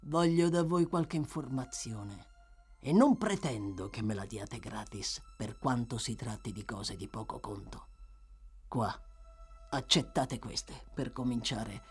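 A woman voicing a shady, menacing mysterious stranger, a man who talks in a low, hushed, curt way. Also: slow, husky, soft background music, exaggerated voice.

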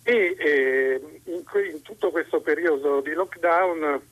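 A man calling in to a radio show over a telephone line, hesitant and searching for his words with frequent pauses and restarts. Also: on the high side, no echo. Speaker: radio call-in listener. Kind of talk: call-in question to a radio host.

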